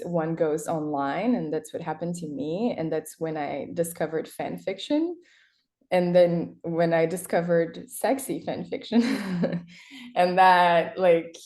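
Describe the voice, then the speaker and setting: In a relaxed interview, a Brazilian woman who writes erotica speaks with a lower, darkish voice; Portuguese is her first language. She's talkative and quick to laugh, her speech full of fillers and fresh starts.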